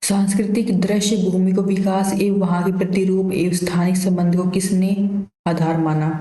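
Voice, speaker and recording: A woman's voice: on the low side, flat delivery, normal speed, dark tone, reverberant, low-quality recording. A woman teacher going through exam questions one by one, explaining the answers casually and giving memory tricks. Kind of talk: exam revision lesson.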